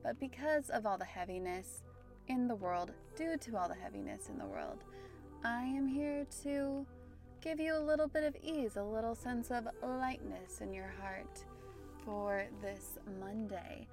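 A woman's voice: on the high side, measured pace, over music. A woman with a standard American accent, talking casually and reflectively as the host of a spiritual podcast.

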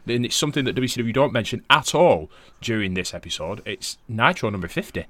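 A man's voice: mid-range voice, animated, brisk, bright, forceful tone, no echo. A man co-hosting a podcast in casual chat, laughing often and swearing. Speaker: podcast co-host.

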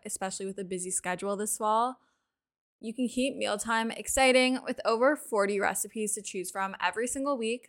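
A woman in her twenties talking casually as the solo host of a podcast, chatting and reading sponsor spots. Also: medium pitch. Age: 20s.

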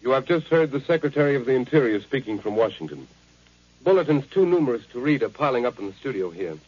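An actor playing a radio news announcer who reads war bulletins in a steady, urgent way. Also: male voice, mid-range voice, quick pace, husky. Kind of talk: 1930s radio drama acting. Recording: dull 1930s radio recording.

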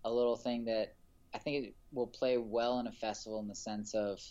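A man's voice: on the low side, flat delivery, fairly quick, darkish tone, muffled recording. A man, a filmmaker, chatting casually in an interview, rambling with frequent restarts and fillers. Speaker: filmmaker guest.

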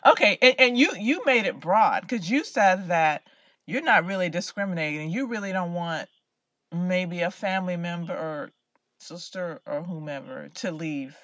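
A woman's voice: lowish voice, expressive, moderate pace, a bit bright, dry recording. A woman co-hosting a casual opinion podcast, asking probing, teasing questions. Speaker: podcast co-host.

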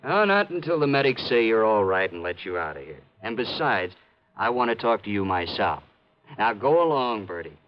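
Gruff beat cop sergeant, brusque, animated, 1950s radio play, dull vintage sound. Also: male voice, on the low side, normal speed, slight background noise. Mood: firm. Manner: brusque old-time American beat cop. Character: gruff, bossy male police sergeant. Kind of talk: 1950s radio detective drama acting.

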